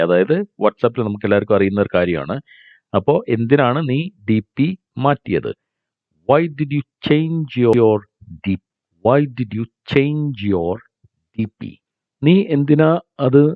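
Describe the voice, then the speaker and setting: A man teaching spoken English, explaining in a relaxed way and saying each model sentence slowly and carefully. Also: medium pitch, no room sound. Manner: slow deliberate model sentences between explanations. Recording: dry, narrow phone-like sound.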